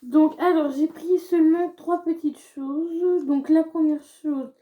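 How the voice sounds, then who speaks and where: Give me a chatty young woman vlogger with a slightly high voice, full of fillers. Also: steady tone, slow, narrow, tinny audio. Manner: chatty, many fillers and restarts. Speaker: beauty vlogger. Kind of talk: casual haul vlog.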